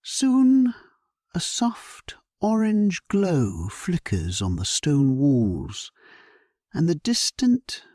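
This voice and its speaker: A man narrating a bedtime sleep story in a gentle, hushed, soothing way. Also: a little high, slightly rough, dry recording, clean studio sound.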